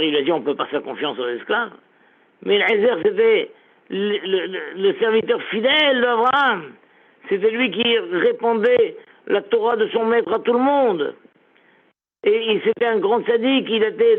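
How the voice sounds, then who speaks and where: Man, rabbi, sermon-style lesson, storytelling, emphatic repetition, high voice, phone-like sound. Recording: tinny phone-like audio.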